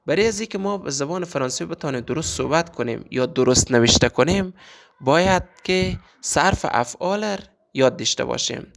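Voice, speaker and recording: A man teaching a language lesson, repeating example words slowly and drawn out. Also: on the high side, expressive, vocal fry. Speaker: French teacher.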